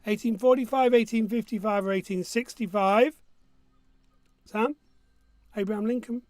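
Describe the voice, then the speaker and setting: A man's voice: high-pitched, steady tone, moderate pace, a little mellow, no echo. A man with a missing front tooth hosting a quiz casually, reading questions and answers in a jokey, self-mocking way. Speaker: quiz host.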